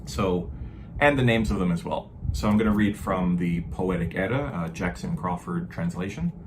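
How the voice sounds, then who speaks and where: A man giving an informal explanatory lecture, talking haltingly with self-corrections and stressing key words. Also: low voice, noisy background. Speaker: lecturer on Norse mythology. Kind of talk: informal explanatory lecture with read-aloud verse.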